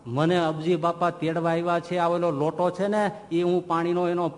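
A man putting on a loud, dying old villager. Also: on the high side, little pitch movement, moderate pace, close to an everyday voice. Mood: pleading. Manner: calling out loudly, pleading. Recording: long hall reverb.

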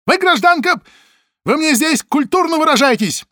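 A man's voice: very high-pitched, animated, moderate pace, fairly bright tone, dry recording, clean studio sound, voice pushed up. A man reading an audiobook voices a pompous, easily enraged male secret-police officer who shrieks officious orders. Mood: shrieking.

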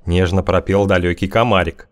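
Low-voiced male audiobook narrator. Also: steady tone, normal speed. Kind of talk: scripted narration.

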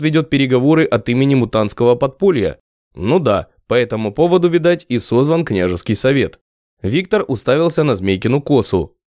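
A man narrating an audiobook in a lively storytelling manner. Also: medium pitch, dry recording, clean studio sound. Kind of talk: scripted narration.

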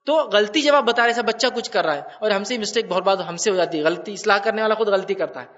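A man giving an animated religious lecture, repeating his points and asking listeners rhetorical questions. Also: sits high, recorded from a distance, dull audio. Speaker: Islamic lecturer.

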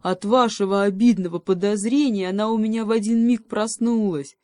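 A woman's voice: mid-range voice, normal speed, darkish tone, no echo, studio quality, pitched above the performer's own voice, natural voice. A woman voicing a sly, boastful female pig in a storybook reading, brash and drawling. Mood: brazen.

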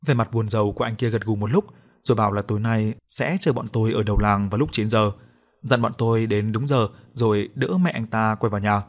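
A man narrating a first-person story for an audio story site in a lively telling manner. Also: on the low side, brisk.

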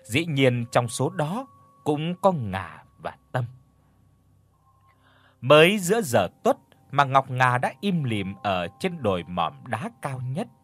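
A man narrating an audiobook story in an expressive, scripted style. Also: mid-range voice, slow pace, dry recording.

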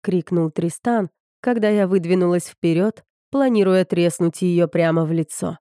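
A woman's voice: lowish voice, normal speed, mellow, dry recording, clean studio sound. A woman narrating a novel as an audiobook reader, giving each character a slightly different voice. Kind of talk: scripted narration.

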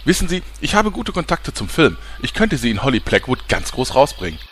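A man plays a smarmy, scheming former journalist turned flatterer in a parody fantasy audio drama, gushing with grandiose salesman patter. His voice is medium in pitch with big swings, brisk and a bit bright. The mood is flattering and grandiose, and there's a little hiss or hum in the background.

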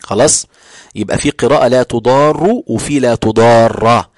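A man's voice: medium pitch, moderate pace, no room sound, clean studio sound. A man with an Egyptian Arabic accent, teaching as a sheikh. He reads a classical passage aloud, then explains it in colloquial speech and checks that his students follow. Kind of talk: explaining a religious text to students.

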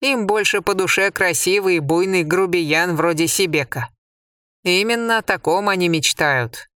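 A woman's voice: fairly low pitch, moderate pace, fairly bright tone, dry recording, clean studio sound, lightly acted. A reader voicing a scornful old grandmother. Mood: mocking. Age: older. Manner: mocking, blunt. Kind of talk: audiobook character voice.

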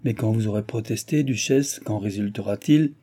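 A man's voice: lowish voice, moderate pace, mellow, slightly rough. A man voicing a sly, mocking old male nobleman at court, teasing and ironic.

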